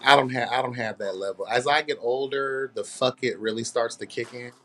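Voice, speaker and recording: A man in his late thirties in casual group chat, telling stories in a sassy, drawn-out way and calling everyone honey. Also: medium pitch, fairly bright tone, slight background noise. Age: 30s. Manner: sassy, drawling storyteller, calls others honey.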